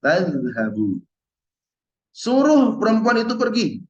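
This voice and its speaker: A male teacher in an online Arabic lesson, patiently drilling verb forms and repeating each word slowly. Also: sits high, huge pitch swings, darkish tone. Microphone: video call. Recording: roomy and dull-sounding.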